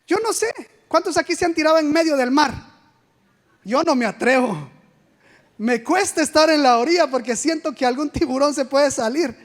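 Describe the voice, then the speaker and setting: A woman with a high voice preaches an animated sermon. She puts rhetorical questions to the congregation and acts out the quoted speech. Her voice rings with the long reverb of a church sanctuary. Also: normal speed.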